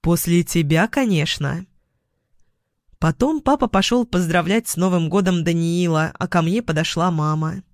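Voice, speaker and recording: A woman reading a first-person novel aloud at an unhurried pace, gently expressive. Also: lowish voice, no echo, studio quality. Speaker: audiobook narrator.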